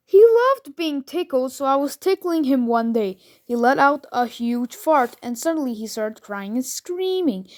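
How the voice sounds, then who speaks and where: Slow, high-voiced woman reading posts. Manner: reads out emoji names and captions literally. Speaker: narrator reading funny posts. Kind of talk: text-to-speech style reading of posts.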